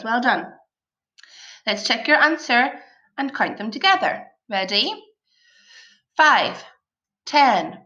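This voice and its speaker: A woman with a bright voice teaches young children in the manner of a kids show host. She takes her time, encouraging and praising as she puts questions to them. The recording is a little dull and lo-fi. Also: fairly high pitch. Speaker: primary school maths teacher.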